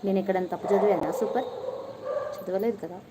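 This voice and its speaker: Woman vlogger, casual live-stream host, soft and chatty, teasing viewers, noisy phone audio. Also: medium pitch, steady tone, quick pace. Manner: chatty, greets viewers and reads their comments aloud, playful teasing.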